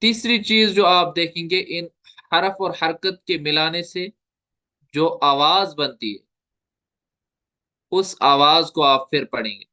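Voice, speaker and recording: A man teaching a recorded Tajweed lesson, patiently asking questions and answering them himself, and drawing out the example sounds slowly. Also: a little high, pushed and bright. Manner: patient, asks and answers his own questions. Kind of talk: recorded online lecture.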